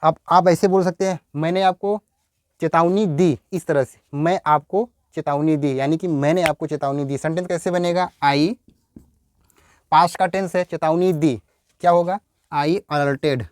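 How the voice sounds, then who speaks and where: A man's voice: a little high, fairly even intonation, unhurried, a little mellow, no echo, studio quality. A man teaching English grammar in Hindi, repeating words and asking his students rhetorical questions. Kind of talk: Hindi-language grammar lesson.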